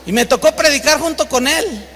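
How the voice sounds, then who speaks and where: A man's voice: very high-pitched, moderate pace, sharp tone, slight background noise. A Mexican man preaching a sermon as pastor, speaking emphatically and acting out quoted people in a raised voice. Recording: long reverb of a large hall.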